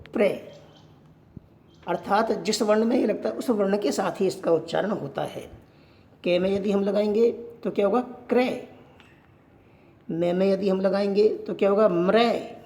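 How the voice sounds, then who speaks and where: A teacher giving a Sanskrit grammar lesson, asking questions and answering them, repeating points slowly. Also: mid-range voice, vocal fry, dark tone. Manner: poses questions and answers them, slow and repetitive. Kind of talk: classroom-style grammar lesson.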